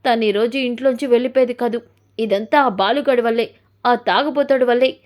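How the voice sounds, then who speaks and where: A woman plays a resentful, defensive young husband in a retold family drama. He shifts blame in a voice that stays fairly high. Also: a little fast, darkish tone, natural voice. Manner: defensive, blaming.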